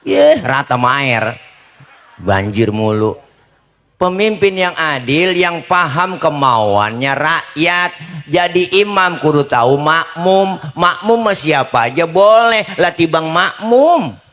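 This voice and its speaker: A man's voice: a little high, slow pace. A middle-aged man gives a comic sermon as a preacher, joking and often asking the crowd for agreement. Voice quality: bright, lively, joking, asks the crowd for agreement.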